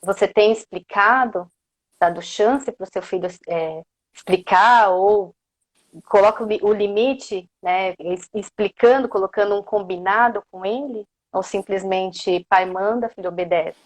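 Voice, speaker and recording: A Brazilian-accented woman, a coach, gives a motivational lecture on parenting at a measured pace in a mid-range voice. She keeps asking her listeners questions and often ends phrases with "né?".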